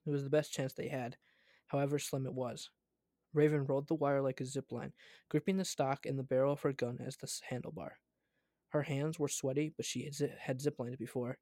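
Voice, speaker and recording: A man's voice: mid-range voice, level tone, fairly quick, a little mellow, dry recording. A man reading a story aloud, often stumbling and correcting himself as he goes.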